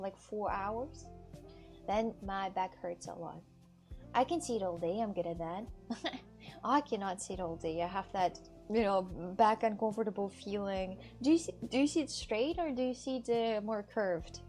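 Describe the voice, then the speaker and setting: A woman in her twenties rambles through a casual chat with her viewers, answering them with plenty of giggles and free swearing. Her mid-range voice has a darkish tone.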